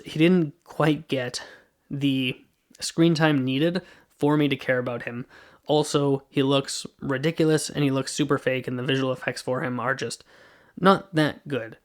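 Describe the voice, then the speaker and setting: A man's voice: on the high side, a little slow. A man hosting a solo movie podcast, reviewing a film in a casual, rambling way and often correcting himself. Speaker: podcast host.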